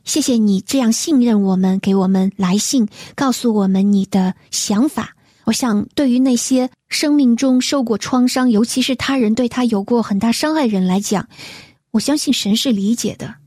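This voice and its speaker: Woman, faith radio co-host, gentle measured reading, warm mellow tone, dry studio sound. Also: on the high side, slightly rough, no echo. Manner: gentle, measured, reads letters aloud. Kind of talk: reading listener letters on a faith program.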